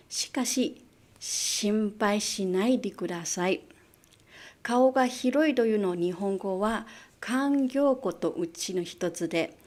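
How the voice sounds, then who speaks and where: Her voice medium in pitch and somewhat dark, a woman from Malaysia runs a live online class on Japanese idioms. She alternates English with Japanese, repeats words, and asks her viewers questions.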